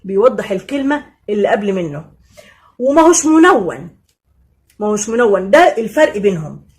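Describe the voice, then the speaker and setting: Egyptian lady teacher explaining grammar, high voice, keeps repeating stuff and asking herself questions. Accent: Egyptian Arabic. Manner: lively, repeats key points, answers imagined student questions. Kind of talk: casual classroom explanation.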